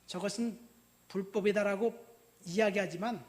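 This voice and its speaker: A woman in her fifties from Busan, a pastor preaching a sermon, stressing words loudly and then dropping to quiet asides while asking the congregation questions. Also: medium pitch, moderate pace. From Busan, South Korea. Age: 50s. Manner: addresses the congregation directly with questions.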